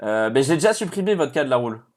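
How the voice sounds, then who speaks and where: A man hosting a live stream, running a draw and reacting out loud to each result. He talks casually and excitably and speaks to viewers by name. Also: medium pitch, fast.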